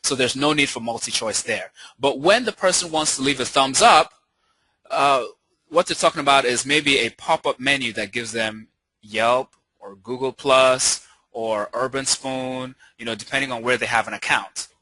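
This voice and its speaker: A man's voice: medium pitch, moderate pace, bright, forceful tone, poor audio. A man presenting on a marketing webinar, explaining things in an upbeat, casual way.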